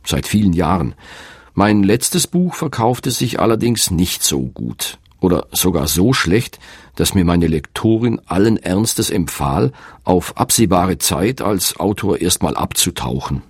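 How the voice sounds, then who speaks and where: A man's voice: sits low, expressive, measured pace, breathy edge, no echo, studio quality. A middle-aged man, an author, narrating in a candid, reflective and self-deprecating way. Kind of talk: scripted narration.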